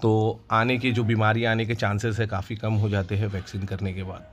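A man with a low voice shows off the animals on his goat farm, talking in an easy, unhurried way and often pausing to find his words. He is recorded on a handheld phone camera, outdoors in the farm yard at night. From India. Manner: relaxed, unhurried, with frequent hesitations. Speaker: goat farm owner showing stock. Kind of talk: casual promotional farm tour.

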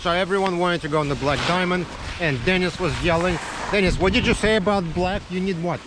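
Out on the slopes, a man films a casual family ski vlog in a high voice, speaking a little fast. He's easygoing and chatty, cheering the others on, and wind noise buffets the outdoor camera mic.

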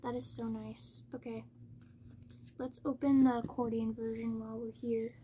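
A woman chatting casually as she hosts an unboxing, speaking in a monotone with little stress on her words. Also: fairly high pitch, normal speed, noisy background. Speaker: K-pop album unboxing host. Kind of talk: casual chat, unboxing commentary.

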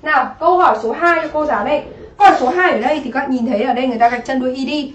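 A woman teacher with a fairly high voice works through exam questions one by one and keeps checking that her students follow. The sound is roomy, with a clear echo from the space she is in. She talks in a patient, explaining way. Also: very fast, muffled recording, slight background noise. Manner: explains step by step, often asks "right?". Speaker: English teacher. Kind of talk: exam review lesson.

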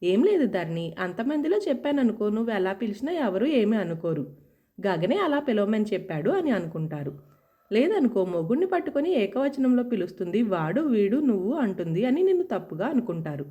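A woman's voice: medium pitch, very animated, fairly quick, mellow, lightly acted. A woman voicing a teasing young husband. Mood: reassuring. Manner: playful, reassuring. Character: young man, doctor, teasing and caring husband.

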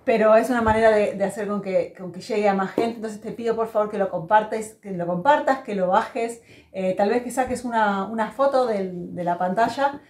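A woman's voice: mid-range voice, fairly quick, darkish tone. Chatty woman podcast host. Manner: chatty, earnest storyteller. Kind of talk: casual podcast chat. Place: room at home. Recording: echoey room at home.

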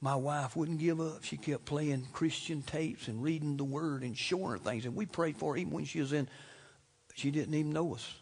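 Fervent high-voiced preacher. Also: male voice, normal speed, creaky. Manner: fervent, calls for amens, swings from loud to hushed. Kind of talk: sermon. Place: church sanctuary.

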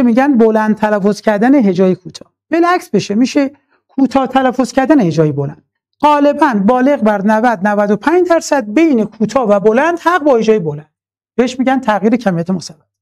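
A man's voice: very high voice, a little mellow. Man teaching a recorded online class. Patient and methodical, repeats key terms and addresses students as dear ones. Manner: slowly chants verse lines when reciting.

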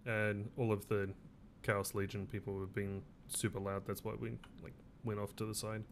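A man with a lowish voice talks in a relaxed, easygoing manner during an online game role-play. A faint hiss of noise sits under his voice. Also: moderate pace.

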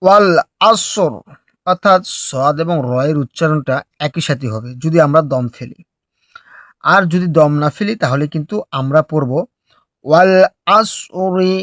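A man teaching recitation step by step, explaining slowly and patiently before drawing out each phrase in a melodic chant. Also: a little high, no echo, studio quality.

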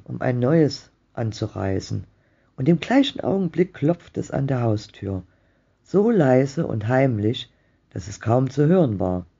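Mann, Vorleser, langsam, dunkle raue Stimme, dumpfe Aufnahme. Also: male voice, medium pitch, creaky, mellow, breathy edge. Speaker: reader of a ghost story. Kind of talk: slow storytelling reading. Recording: dull muffled home recording.

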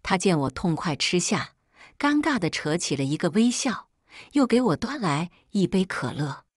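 A woman's voice: lowish voice, very animated, normal speed, husky, dry recording, clean studio sound. A woman reading a family drama aloud as a scripted first-person narration, telling it expressively. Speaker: storyteller.

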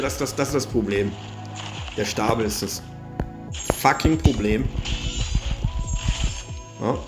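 A man giving excitable, casual commentary over his own mobile game, swearing often and filling pauses with "ähm" and "ne". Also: on the low side. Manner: excitable, swears a lot, frequent fillers. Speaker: gaming YouTuber. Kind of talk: live gameplay commentary.

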